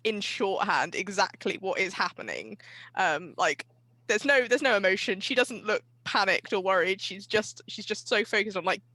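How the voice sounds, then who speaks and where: Bright-voiced woman player, chatty. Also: mid-range voice, no room sound, rough recording. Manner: chatty, lots of "like". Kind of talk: tabletop role-play, casual.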